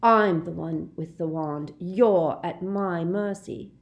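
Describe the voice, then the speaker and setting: A woman's voice: on the low side, takes it slowly, creaky. A woman voicing a frightened teenage boy who tries to sound tough. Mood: boastful. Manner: tense, trembling, boastful.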